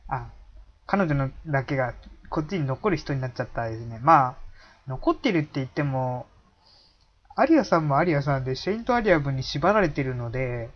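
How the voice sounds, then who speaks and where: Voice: mid-range voice, big pitch swings, brisk, muffled recording. A player giving casual, musing commentary over a game, with many fillers.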